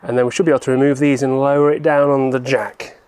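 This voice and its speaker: A man narrates a hands-on repair job in an average-pitched voice. He talks informally and explains things step by step, in the casual way of a how-to vlogger. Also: flat delivery, quick pace, darkish tone, clear, resonant tone, no echo. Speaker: presenter of a car repair vlog.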